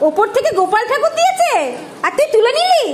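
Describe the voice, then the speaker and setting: High-pitched woman teasing a toddler. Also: big pitch swings, fast talker, crowd noise. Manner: teasing, coaxing, exclaiming often. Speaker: mother filming her small daughter. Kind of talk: casual home video chat with a toddler.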